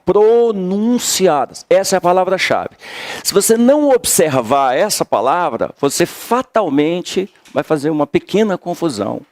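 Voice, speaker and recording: A man's voice: fairly high pitch, a little mellow, no echo. A man with a Brazilian accent teaching a class, emphatic, repeating key words and quizzing his students. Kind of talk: classroom lecture.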